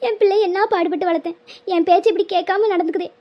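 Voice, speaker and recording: Her voice very high and steady in tone, a woman speaks fast as a cartoon mother in middle age who is stubborn and emotional. She pleads in a melodramatic, guilt-tripping way, heard through muffled lo-fi audio.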